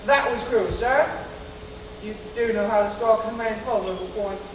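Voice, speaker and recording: A man's voice: high-pitched, lightly acted. A teen boy playing a scheming hustler tramp. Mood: pushy. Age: teens. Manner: theatrical salesman's patter, drawn-out emphasis. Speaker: student actor. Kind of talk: 1980s high school stage play. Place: school auditorium stage. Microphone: distant camcorder mic. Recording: echoey auditorium, far from camera, hiss.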